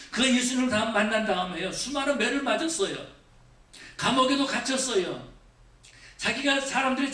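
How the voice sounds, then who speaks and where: A male pastor preaching a Thanksgiving sermon. He questions the congregation again and again and moves between raised emphasis and quiet, low asides. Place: church sanctuary. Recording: echoey church from far off.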